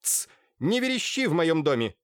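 A man doing a bossy, sharp-tongued noblewoman. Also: high voice, huge pitch swings, moderate pace, dry recording, studio quality, pitched above the performer's own voice. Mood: scolding. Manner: sharp and commanding. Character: bossy imperious noblewoman, older lady of the house.

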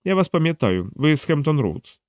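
Brief: a commanding, menacing male officer, put on by a man, a bit higher than his own voice. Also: big pitch swings, normal speed, no room sound, clean studio sound. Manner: stern, threatening.

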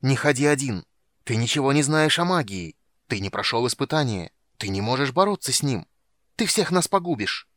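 A man reading an audiobook, voicing a stern, commanding dark elf wizard who rules a tower. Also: on the low side, moderate pace, few pauses, no room sound, close to an everyday voice. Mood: alarmed.

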